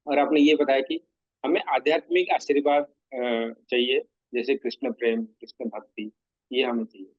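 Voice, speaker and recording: A man's voice: medium pitch, no room sound. A man moderating a devotional class, politely thanking the teacher and recapping points with some hesitations. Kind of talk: summarizing and thanking the speaker. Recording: dull dry lo-fi audio.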